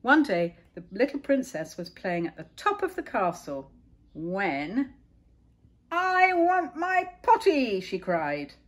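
A woman's voice: on the low side, very animated. A middle-aged woman reading a children's picture book aloud and chatting about the pictures between pages. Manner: gentle, chatty, pauses to point out pictures.

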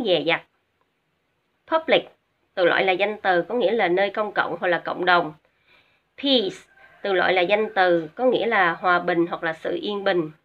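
A woman teacher with a Vietnamese accent, explaining English words in a patient, step-by-step way with small hesitant fillers. Her voice sits at an ordinary middle pitch. The recording is dull and lo-fi. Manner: patient, repeats each word twice for pronunciation drill. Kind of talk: recorded vocabulary lesson for students. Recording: dull lo-fi audio.

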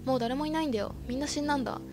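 A woman's voice: sits high, rapid-fire, music in the background, close to an everyday voice. A woman reading aloud the lines of a tense, protective young man in a video game, insisting urgently. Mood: insistent.

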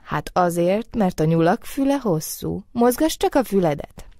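A woman's voice: on the low side, animated, dark tone, no room sound. A kind moonbeam spirit coaxes and teases in a light, whispery voice, as a woman puts it on for a storybook. The studio sound is dry and close. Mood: playful. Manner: coaxing, whispery and playful. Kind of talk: storybook reading. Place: recording studio.

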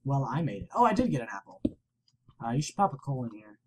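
A young man co-hosting a game video, chatting in a relaxed way and laughing often between mumbled asides. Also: mid-range voice, fast talker, a little hiss or hum. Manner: laid-back, giggly, mumbling asides. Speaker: let's play co-host. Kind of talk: casual gameplay chat.

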